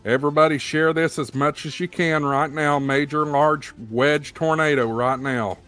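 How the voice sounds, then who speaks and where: A man's voice: on the high side, steady tone, moderate pace, fairly bright tone, faint music behind. A man hosting a livestream, giving live storm-tracking commentary in an urgent, emphatic, repetitive manner. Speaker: livestream host.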